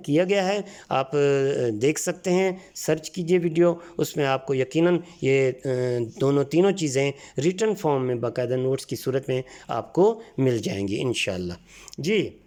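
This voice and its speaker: A man's voice: on the high side, darkish tone. A man from Pakistan teaching a school language lesson, patiently going through the exercises and spelling out words sound by sound. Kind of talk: explaining textbook exercises.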